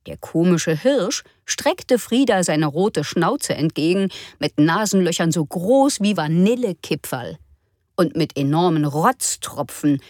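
Woman narrator, children's story, slow and animated. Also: low-pitched, dry recording, studio quality. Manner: lively, expressive storytelling.

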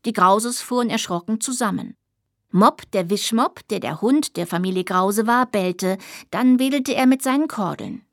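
A woman reading a children's audiobook aloud, lively and giving each character its own voice. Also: medium pitch, moderate pace, no room sound, clean studio sound. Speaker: audiobook narrator.

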